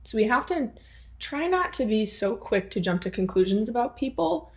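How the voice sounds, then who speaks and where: A woman's voice: fairly high pitch, very animated, normal speed. A young woman hosting a solo podcast in an earnest, encouraging, chatty way, often restarting her sentences and asking rhetorical questions. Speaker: podcast host. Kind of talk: casual solo podcast talk.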